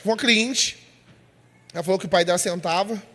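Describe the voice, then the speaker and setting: A man delivers a sermon in a bright, high voice. He is emphatic and direct, calls listeners "brother" and acts out the people in his examples. His words carry a long reverb from a church hall. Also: normal speed. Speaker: preacher.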